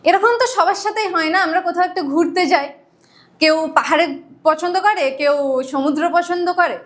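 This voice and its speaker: Woman, Bengali accent, high-pitched, teacher, explains a poem line by line, asks and answers her own questions. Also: normal speed, fairly bright tone.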